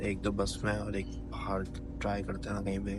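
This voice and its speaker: A man's voice: lowish voice, completely flat delivery, a little fast, background noise. A young man from Pakistan with a Pakistani Urdu accent, chatting casually into a handheld phone for his travel vlog and often asking viewers whether he is right. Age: young adult. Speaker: travel vlogger.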